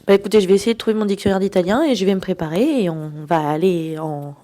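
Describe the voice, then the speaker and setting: A tired young Frenchwoman chats casually to the camera in her student vlog, poking fun at herself and laughing often. She talks fast in a mid-range voice.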